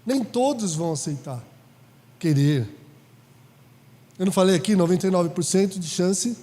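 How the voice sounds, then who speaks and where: A pastor preaching a sermon in a conversational way, asking the congregation questions. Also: male voice, sits high, expressive, moderate pace, warm tone. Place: church hall. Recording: reverberant church hall.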